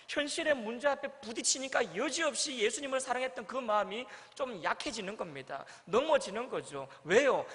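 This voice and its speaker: Guy preaching in a church, high voice that swoops all over, acts out the quotes, long echo in the hall. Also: a bit bright. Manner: storytelling, acts out quoted lines with big swings in pitch and volume. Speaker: pastor. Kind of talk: sermon. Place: church sanctuary.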